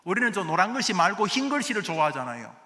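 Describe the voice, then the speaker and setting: A man preaching a sermon as pastor, swinging from hushed, quiet lines to loud exclaiming ones. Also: high-pitched, big pitch swings, fast. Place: church sanctuary. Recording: long church hall reverb.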